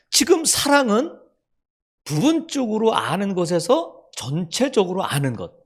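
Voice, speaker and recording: A middle-aged male pastor giving an earnest sermon, dropping low and soft when he tells a quoted line.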